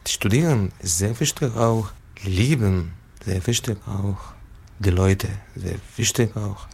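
Interviewee, man, 30s, from Syria, arabic native, very low voice, slow deliberate delivery, halting speech. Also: vocal fry, a little mellow, breathy edge. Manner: halting, simple German with pauses. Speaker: interviewee, musician. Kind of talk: casual interview.

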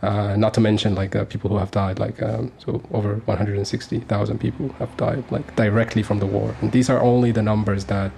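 A man's voice: fairly low pitch, level tone, fairly quick, gravelly, few pauses, warm tone, slight background noise. A man in his thirties from Sudan, speaking as a guest on a community radio interview, earnest and hesitant with many fillers and restarts. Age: 30s.

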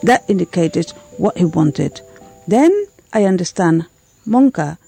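A woman giving a measured voice-over translation of a guest's story. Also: lowish voice, lively intonation, gravelly, mellow, faint music behind. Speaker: interpreter.

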